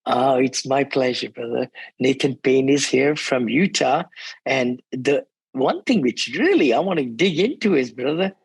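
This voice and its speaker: A man's voice: on the high side, slightly rough, dry recording. A man from India hosting an interview, enthusiastic and chatty, often calling his guest "brother". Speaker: podcast host. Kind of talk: conversational interview.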